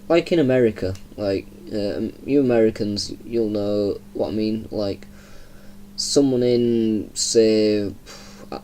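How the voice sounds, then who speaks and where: A young man from Yorkshire with a Yorkshire accent, giving casual, rambling commentary while playing a game and laughing softly now and then. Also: fairly low pitch, slight background noise. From Yorkshire, England. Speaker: gaming channel host.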